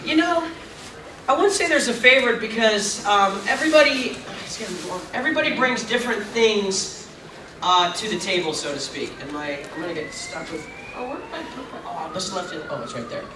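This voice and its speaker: A middle-aged man with a high, animated, brisk voice fields fans' questions on a convention panel, chatting and rambling with self-mocking asides. It's a casual Q&A in a large convention hall, recorded from far away, so the audio is echoey and noisy.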